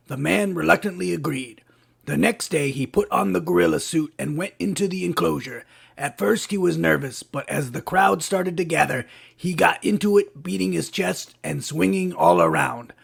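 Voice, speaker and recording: A man's voice: a little high, a bit bright, full character voice. A man voicing a scruffy cartoon bat who hosts a late-night comedy show, delivering jokes in a punchy way and switching voices between the characters in them. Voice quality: gravelly, husky. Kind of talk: cartoon stand-up joke telling.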